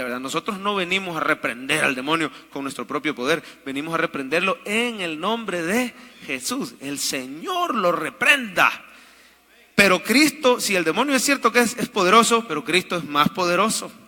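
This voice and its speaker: A man's voice: a little high, sharp tone, long reverb tail. A man preaching an emphatic sermon and calling out to the congregation for amens. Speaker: pastor. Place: church.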